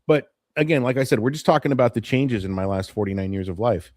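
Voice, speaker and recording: A man in his forties talks fast and expressively in a darkish, mid-range voice, with clean studio sound and no room ambience. During his morning live stream he chats nostalgically with viewers, rambling about changing times and veering off topic.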